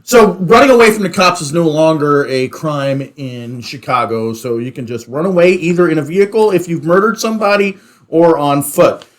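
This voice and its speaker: A man with a distinctly high-pitched voice leads an informal discussion. He explains and recaps conversationally, like a host chatting with colleagues. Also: lively intonation, normal speed. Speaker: podcast host. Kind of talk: casual chat and explanation.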